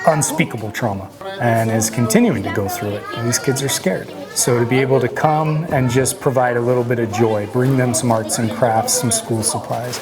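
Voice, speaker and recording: Guy talking straight in a doc interview, regular pitch, steady and earnest. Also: normal speed, over loud music. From northern Idaho, USA. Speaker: nonprofit founder. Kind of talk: documentary interview.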